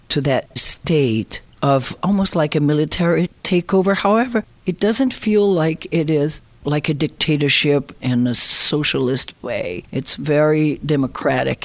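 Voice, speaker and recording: A Brazilian woman in her 60s, whose first language is Portuguese, speaks in a low voice with no echo. She is an immigrant being interviewed, talking conversationally and reflectively about her personal experiences.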